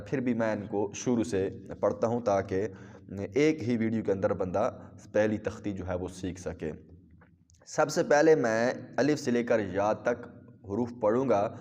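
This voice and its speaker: A man's voice: mid-range voice, darkish tone. Patient male Quran teacher, reverberant room. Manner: patient, step-by-step explaining with many pauses; drawn-out model pronunciation of letters. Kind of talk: recorded Qaidah lesson.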